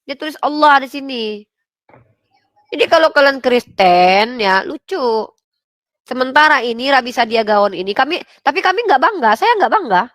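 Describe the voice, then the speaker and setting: A woman's voice: high-pitched, a bit bright, no room sound. A young woman, hosting a heated debate and pressing her questions insistently. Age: young adult. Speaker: debate host. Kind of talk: heated online religious debate.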